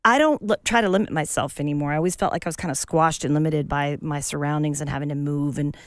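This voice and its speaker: A woman voice actor chatting as a guest in a casual interview, animated and full of restarts. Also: low voice, fast, no room sound.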